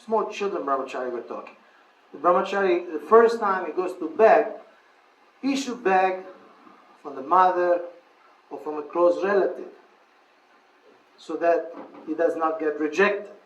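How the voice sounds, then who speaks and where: A man's voice: on the high side, a little slow, long pauses. Male seminar teacher in an echoey hall. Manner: thoughtful, repeats and restarts phrases, laughs at own stories. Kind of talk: lecture answering questions. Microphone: far room mic. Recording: echoey room from far off.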